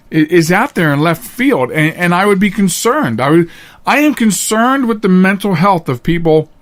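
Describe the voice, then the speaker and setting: Speaking in a somewhat high voice, a middle-aged man hosts a podcast and shares offhand opinions. He comes across as emphatic, though he often stops and starts.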